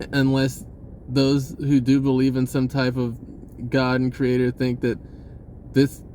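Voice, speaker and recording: Warm in tone and medium in pitch, this man's voice carries a laid-back spiritual vlog with a little hiss or hum behind it. He rambles, often begins sentences again, and chuckles occasionally.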